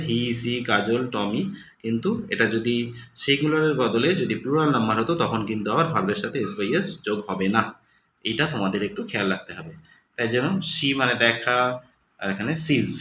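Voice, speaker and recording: A man teaching an English lesson for children, reading each English example slowly and then explaining it. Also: mid-range voice, pushed and bright. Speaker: tutor. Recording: echoey room with faint noise.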